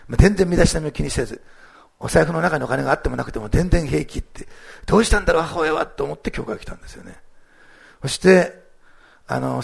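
A man's voice: mid-range voice, creaky, husky. A male pastor giving a sermon, telling a testimony story in a chatty way with frequent tags to the congregation. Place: church service streamed online.

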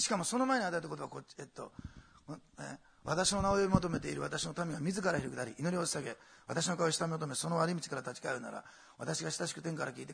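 A middle-aged male pastor preaching a sermon, swelling loud and emphatic, then dropping to quiet asides. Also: on the high side, gravelly, husky.

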